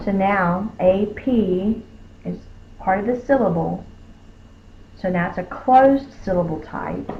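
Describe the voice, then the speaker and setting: Slow, careful woman teaching phonics. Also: medium pitch, a little hiss or hum. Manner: slow, careful, sounding out each letter. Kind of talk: phonics spelling lesson. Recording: tinny phone-like lo-fi recording.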